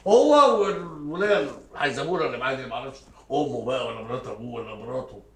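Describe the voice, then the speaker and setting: A man's voice: medium pitch, lively intonation, very fast, a bit bright, echoey room. An actor playing a stubborn, proud middle-aged Egyptian father, arguing heatedly and sarcastically with his family. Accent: Egyptian Arabic. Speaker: father of four daughters. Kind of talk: TV drama acting.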